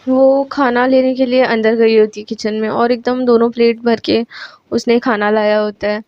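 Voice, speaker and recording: A woman's voice: on the high side, flat delivery, moderate pace, no room sound, highs cut off. A woman casually narrating a romantic story, chatty and mixing in English words, correcting herself as she goes.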